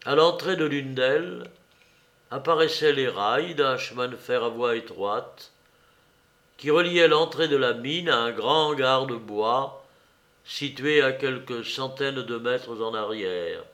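A man narrating a novel as an audiobook, reading in a measured way that slows and drops at the ends of phrases. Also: mid-range voice, fairly bright tone.

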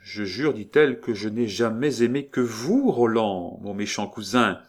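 A man's voice: on the low side, animated, measured pace. Male reader doing a young princess, teasing and coquettish, lifted light voice, audiobook reading. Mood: playful. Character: young noblewoman, playful and teasing.

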